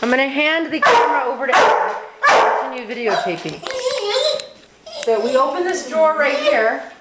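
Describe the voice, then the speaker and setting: Woman, high-pitched voice, casual pet-video narration, distant camera mic, very noisy. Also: sing-song, moderate pace. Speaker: dog owner narrating a home video. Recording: roomy, distant camera mic with heavy noise.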